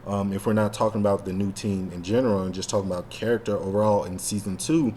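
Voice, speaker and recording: This podcast co-host has a lowish, dark voice with a steady tone, and he talks fast. Rambling and slangy, he leans on "like" constantly in this casual fan show, with faint hiss or hum underneath.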